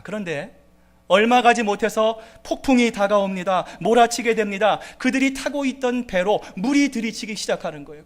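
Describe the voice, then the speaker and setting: Man, pastor, very high voice, dramatic sermon, acts out pleas, church. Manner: dramatic preaching, acts out pleading voices, frequent "여러분" and "자".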